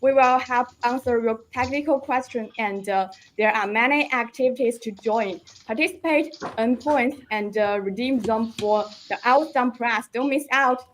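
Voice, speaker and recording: A woman's voice: fairly high pitch, normal speed, hardly any pauses, a little hiss or hum, poor audio. A woman hosting a live product launch stream, promoting a deal and urging viewers to join a giveaway.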